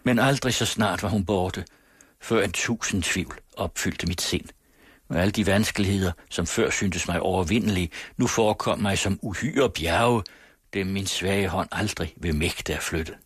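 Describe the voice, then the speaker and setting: An audiobook reader with a low, husky voice narrates a classic story, measured and solemn, using an old-fashioned literary cadence. The recording is dry and close to the mic, with no echo.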